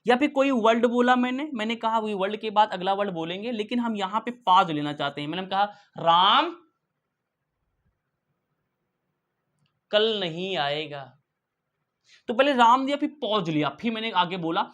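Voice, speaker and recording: A man's voice: sits high, lively intonation, fast, hardly any pauses. Male tutor in an online lesson, playful and teasing, quizzes his own class rhetorically, repeats key words. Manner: asks rhetorical questions and answers them himself; playful, teasing, calls students beta and bhai. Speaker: English grammar teacher.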